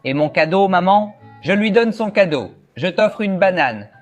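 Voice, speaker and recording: A man's voice: high voice, expressive, moderate pace, soft background music, voice pushed up. A man voicing a whiny, demanding little boy in a game. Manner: whining, pleading.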